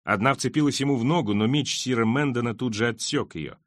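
A man reading a fantasy novel aloud as an audiobook, in a steady, expressive storytelling manner. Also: mid-range voice, a little fast, dry recording, studio quality. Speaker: audiobook reader. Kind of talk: dramatic audiobook narration.

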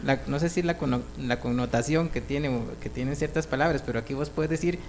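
A Costa Rican man as a radio show guest, relaxed and laughing easily as he explains things. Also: medium pitch, brisk, slight background noise. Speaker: guest, clothing brand representative. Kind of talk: casual radio interview.

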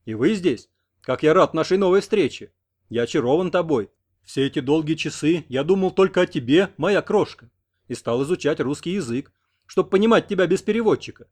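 A man's voice: on the high side, lively intonation, a little fast, a little mellow, pitched above the performer's own voice. A man reading an audiobook, voicing a brash, pompous American man who talks in effusive, flowery phrases. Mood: infatuated.

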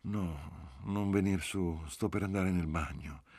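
A tender young wife with a soft, caressing way of speaking, as a deep-voiced man reads her. Her words come languid and gentle. The recording is dry and close. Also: takes it slowly, husky, dry recording, full character voice. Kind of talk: audiobook reading.

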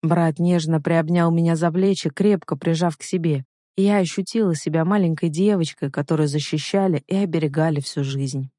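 A man reading a first-person romance story aloud, with expressive storytelling. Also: a little high, normal speed, dry recording, clean studio sound. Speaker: audiobook reader.

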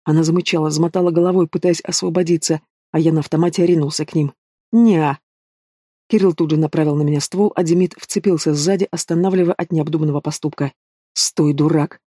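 A man narrating a first-person dramatic audiobook in a steady reading voice. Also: a little high, quick pace, no echo, clean studio sound.

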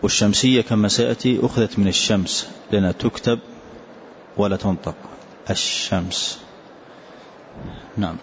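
A man's voice: on the low side, fast talker. A man teaching as a sheikh, patiently repeating a student's recited line and then explaining it. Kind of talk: classroom text explanation. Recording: dull lo-fi lesson recording, faint hiss.

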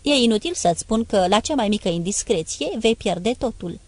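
A woman's voice: mid-range voice, animated, dry recording, natural voice. A woman voicing a cold, domineering old man who speaks to his son in a curt, cutting, commanding way. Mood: icy commanding.

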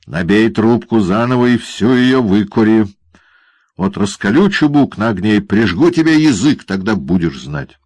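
A man's voice: on the low side, lively intonation, moderate pace, darkish tone, no room sound, pitched above the performer's own voice. A cruel, gleeful dwarf, as a male reader puts him on, barking and snarling in a raised, strained voice that leaps all over. The audiobook voice is recorded dry and close. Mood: gloating. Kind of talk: audiobook character voice.

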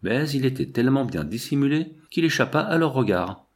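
A man narrating a first-person novel in a measured, expressive reading. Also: medium pitch. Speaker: audiobook narrator.

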